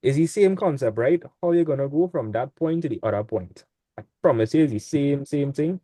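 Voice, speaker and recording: A man's voice: on the high side, animated, fairly quick, mellow, dry recording. A young man, tutoring maths in a casual online class. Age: young adult. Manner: casual, laid-back teaching with dialect speech. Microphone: video call.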